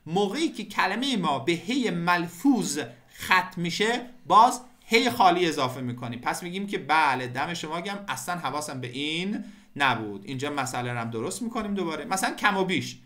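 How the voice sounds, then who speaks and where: A man with an Iranian Persian accent walks through a software tutorial step by step, pausing on fillers as he explains. His voice sits a little high and rings bright and forceful. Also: lively intonation. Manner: explanatory, talks the viewer through each step with frequent fillers. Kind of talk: screen-recorded software tutorial.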